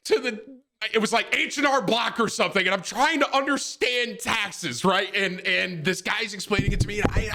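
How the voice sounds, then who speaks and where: Casting note: young male streamer from upstate New York, chatty and animated, drops bro and man, casual swearing, mid-range voice. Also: medium pitch. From Syracuse, New York, USA. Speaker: streamer and host. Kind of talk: casual stream chat, reacting to clips and reading donations.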